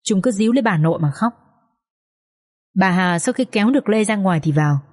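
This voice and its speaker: A woman narrating a dramatic story with steady, expressive reading. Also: medium pitch, a little fast, long reverb tail. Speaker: audiobook narrator.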